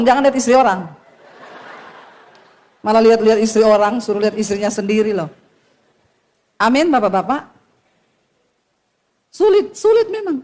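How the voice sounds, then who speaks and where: A woman's voice: sits high, a little mellow. A middle-aged woman pastor preaching a sermon in a blunt, scolding way, often acting out quotes from the people she counsels.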